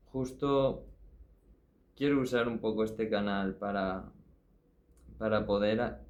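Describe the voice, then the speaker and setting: A man's voice: on the low side, takes it slowly, darkish tone, muffled recording. A man talking to camera about philosophy, thoughtful and hesitant, often restarting and asking rhetorical questions. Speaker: channel host. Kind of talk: personal philosophy talk to camera.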